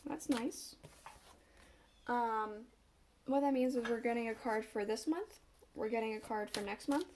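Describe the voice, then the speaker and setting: Congested woman tarot reader, slightly high voice, halting delivery, audible background noise. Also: darkish tone. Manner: halting, with pauses and apologies. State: congested, recovering from a cough. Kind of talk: casual tarot reading.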